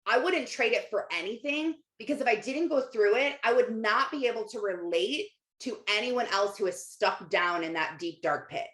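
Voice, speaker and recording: Hardly pausing, she speaks at normal speed in a slightly high, somewhat bright voice. She's giving a casual motivational livestream and reading out comments, coaching in a conversational, informal way marked by rhetorical questions and repetition, and the room sounds echoey and roomy.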